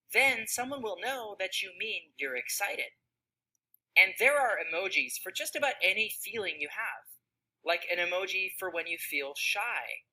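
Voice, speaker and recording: A woman's voice: mid-range voice, sharp tone, husky. A woman giving scripted narration for a children's explainer video, asking the kids questions and acting out different tones of voice.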